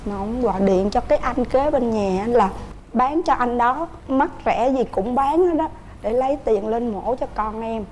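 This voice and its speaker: Southern Vietnamese woman, talk show guest, mellow earnest storytelling, a bit high, faint background noise. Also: moderate pace. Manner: earnest, telling a family story at length. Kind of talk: casual chat.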